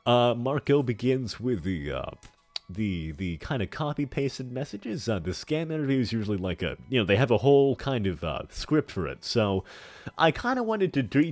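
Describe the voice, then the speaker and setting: Animated man giving casual commentary. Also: mid-range voice. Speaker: narrator of his own prank.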